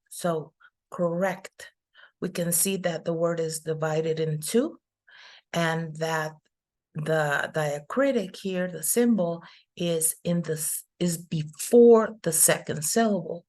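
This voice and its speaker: A woman's voice: fairly low pitch, darkish tone. A woman teaching a lesson, explaining things patiently and step by step, with fillers along the way. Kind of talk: online class lecture.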